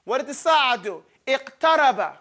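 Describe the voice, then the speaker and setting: A man's voice: extremely high pitch, expressive, moderate pace, fairly bright tone. A man teaching an Arabic grammar lesson in a mosque classroom, quizzing his students and drilling terms by repeating them.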